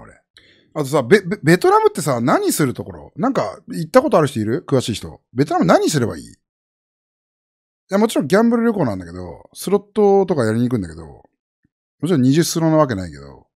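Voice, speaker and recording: Fast-talking animated man streamer. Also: slightly rough. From Japan. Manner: rambling, animated, jumps between high and low pitch. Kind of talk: casual chat with viewers.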